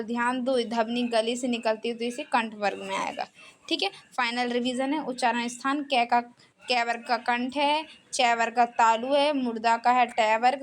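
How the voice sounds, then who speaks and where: Woman teaching slowly, sounding out letters. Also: a little high, slight background noise. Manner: repeats key terms, says "theek hai" often; slows down to sound out each letter. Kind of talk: exam revision lecture.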